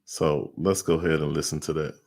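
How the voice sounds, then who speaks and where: A man's voice: extremely low pitch, fairly even intonation, brisk, a little mellow. A man hosting, casually explaining a court hearing with many fillers. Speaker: commentary host. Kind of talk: casual commentary.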